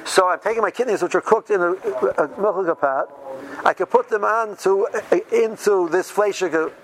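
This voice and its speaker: A man's voice: sits high, normal speed, poor audio. A man giving an informal lesson on a religious text, reading and explaining, rephrasing often and posing questions that he answers himself. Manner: repeats and rephrases, poses questions and answers them.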